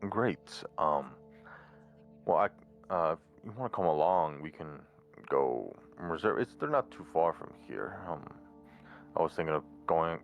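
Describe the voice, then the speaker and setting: A man's voice: a bass voice, creaky, a bit bright. A man running a tabletop role-playing game on stream, talking casually with many fillers and the odd swear. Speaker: game master.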